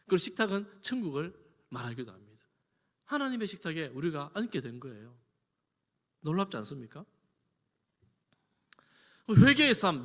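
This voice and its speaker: Lively, bright-voiced preaching pastor. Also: male voice, a little high. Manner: animated preaching, swinging between loud emphasis and soft asides; conversational, with homely examples and chuckles. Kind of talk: sermon. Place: church sanctuary. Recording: long reverb of a church hall.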